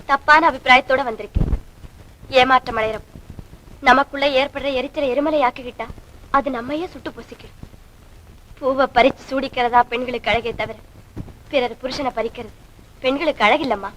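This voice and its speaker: An actress playing a devoted young wife who speaks in a calm, earnest way in a classic film. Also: female voice, sits high, moderate pace, long pauses, a little hiss or hum. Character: devoted young wife, gentle but fierce. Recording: dull old film soundtrack.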